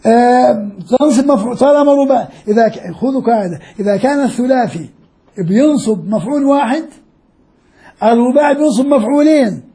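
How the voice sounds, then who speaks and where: A man giving a classroom lecture on Quran readings and grammar. He explains step by step, repeats words slowly and puts questions to his students. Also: very high-pitched, dark tone. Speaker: Islamic studies lecturer.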